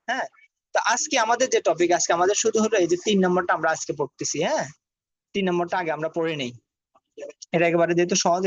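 A man's voice: high-pitched, no echo, highs cut off. A man teaching Quran recitation rules, spelling words out syllable by syllable and then joining them, in a patient lesson style. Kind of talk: slow syllable-by-syllable tajweed lesson.

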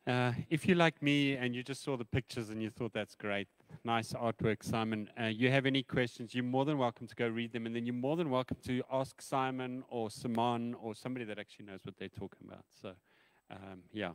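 A man's voice: medium pitch, a little fast, smooth, no echo, low-quality recording. A man, a pastor giving loose, chatty church announcements and leading a closing prayer. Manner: relaxed, self-deprecating, loose and chatty.

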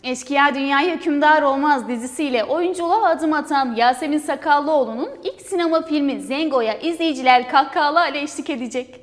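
A woman's voice: high-pitched, brisk, few pauses. A young woman co-presenting film news for university television, reading her script formally. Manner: formal read-aloud delivery. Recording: hall reverb.

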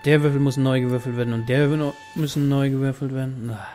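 A man's voice: mid-range voice, fairly even intonation, fast, warm tone. A man giving casual let's play commentary, thinking aloud and muttering to himself as he plays. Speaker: gaming video host. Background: game music.

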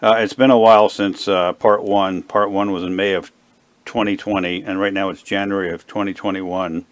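A deep-voiced hobbyist radio repairer presents his own video from an indoor workbench, talking through a repair as he does it. Unscripted and halting, he hesitates while reasoning aloud, with little pitch movement and no room sound.

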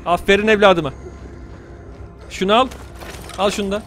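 A man's voice: high voice, steady tone, moderate pace, music in the background. A young man commentating a horror game let's play, muttering to himself and cursing at the game. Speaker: gamer.

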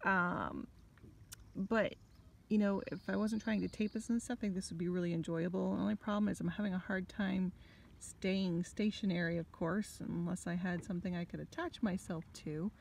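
A woman's voice: fairly low pitch, steady tone, normal speed, creaky, a little mellow, slightly rough. Chatty middle-aged woman painting from a kayak. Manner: chatty, self-deprecating, thinking aloud. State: hot, slightly out of breath. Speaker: watercolor artist. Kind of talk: casual chat while painting. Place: in a kayak on a lake outdoors. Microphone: phone camera held in hand.

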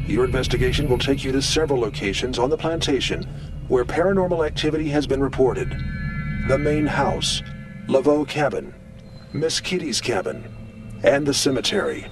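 A man of middle pitch narrates in a measured, commanding way, handing out orders to the contestants. Music runs clearly underneath the voice-over. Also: low-quality recording. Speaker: show narrator giving instructions. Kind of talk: scripted voice-over.

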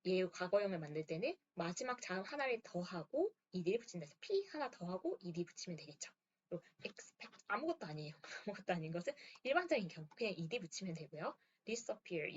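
A woman's voice: mid-range voice, a little hiss or hum. A woman teaching English grammar, walking step by step through exercises and checking in with her students. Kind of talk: lesson walkthrough. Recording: dull lo-fi sound.

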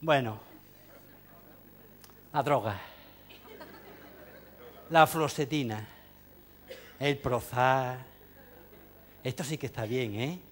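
A man's voice: medium pitch, drawn-out words, pauses often. A man giving an ironic, joking talk to teachers, full of asides and fillers. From Spain. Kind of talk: humorous lecture to an audience.

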